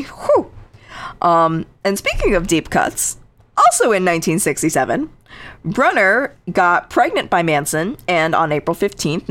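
A woman co-hosting a podcast, casually telling a true crime story with dry, sarcastic asides and lots of fillers. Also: lowish voice.

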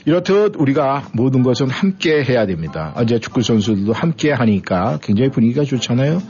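A man's voice: medium pitch, very animated, fairly quick, darkish tone. A man hosting a radio show, chatting casually and playfully mimicking dialects. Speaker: radio host. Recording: muffled radio broadcast.

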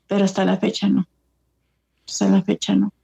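A woman's voice: medium pitch, monotone, moderate pace, vocal fry, dark tone. A woman from the United States with a Chicano accent, chatting casually on a livestream and mixing English words into her Spanish. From United States, born in Texas and raised in California.

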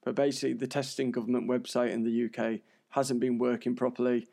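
A British man presents a podcast in an informal, earnest way. His voice is mid-pitched and full of creak, and he sounds unwell, with wheezy breathing running through his chatty monologue. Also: flat delivery, fast talker, mellow. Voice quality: wheezy, audibly breathy from illness. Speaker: podcast host.

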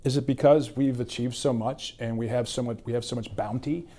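Male host, interviewer, warm dark tone, rambling questions, restarts. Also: mid-range voice, fairly even intonation, fairly quick. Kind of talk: conversational interview.

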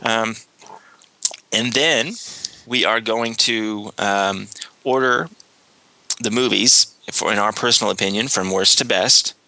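Speaking slowly with long pauses, this male podcast host has a lowish, sharp-toned voice, captured in a rough recording. His casual announcements are full of fillers and false starts, and he's a little under the weather with a cold.

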